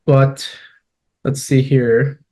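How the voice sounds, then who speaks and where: A man's voice: mid-range voice, little pitch movement, drawn-out words, mellow. A young man hosting a podcast interview, chatting in a casual, upbeat way with lots of fillers. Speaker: podcast host and biology student.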